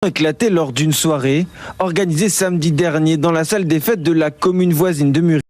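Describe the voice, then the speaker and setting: A male TV reporter reading a scripted news voice-over in a measured, drawling way. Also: fairly high pitch, a little mellow, dry recording.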